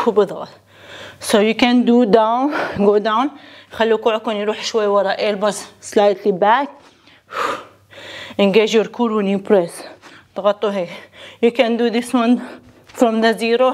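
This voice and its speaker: A woman's voice: mid-range voice, steady tone, moderate pace, pauses often, a little mellow. A young woman with a Lebanese accent, a native Arabic speaker, giving bilingual workout instruction in short imperative cues as she exercises. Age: young adult. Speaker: fitness instructor. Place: living room at home, indoors.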